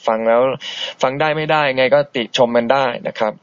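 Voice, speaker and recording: On a dull, boxy, low-bitrate internet radio stream, a man with a smooth, slightly fast voice and no room sound reads listener messages aloud and answers them. His manner is chatty, easygoing, and polite, with soft-spoken asides.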